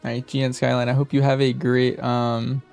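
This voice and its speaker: A man's voice: mid-range voice, completely flat delivery, moderate pace, vocal fry, a little mellow, clear, resonant tone, faint music behind. A man casually chatting with viewers and answering questions as he streams a game. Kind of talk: casual chat with stream viewers while gaming.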